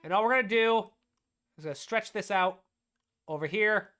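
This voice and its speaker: Woman tutor, mid-pitched voice, talks through each step of a live music-production lesson, faint music under her. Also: moderate pace, fairly bright tone. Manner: explanatory, walks through steps as she demonstrates; asks and answers her own questions. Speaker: composer and music teacher.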